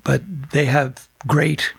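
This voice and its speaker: Gravelly older man, halting and rambling. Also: medium pitch, level tone, no room sound. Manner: rambling, self-deprecating, halting restarts. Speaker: singer in a band, interview guest. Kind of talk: casual interview chat. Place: studio.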